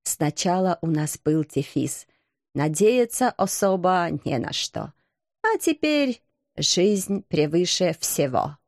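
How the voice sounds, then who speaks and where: A woman's voice: on the low side, big pitch swings, takes it slowly, no room sound, studio quality, heavily acted. A woman doing a timid, gloomy knight. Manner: soft, sad and hesitant. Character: timid, gloomy, thin stooped male knight.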